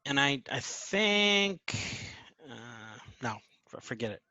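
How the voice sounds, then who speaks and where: A man talking casually with friends over a video call. His voice is bright and forceful, with a dry, close sound and no room around it. He chats at length and slips into squeaky joke voices. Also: very animated, takes it slowly, dry recording, dull audio. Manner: chatty, jumps into squeaky comic impressions. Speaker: podcast co-host.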